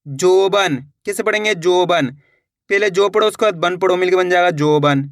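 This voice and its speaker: A man with a fairly high voice leads a beginner reading lesson, breaking each word into syllables and repeating it patiently. He keeps asking the viewer questions and then answering them himself. The sound is dry and close, with no room around it. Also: moderate pace, dry recording. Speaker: teacher.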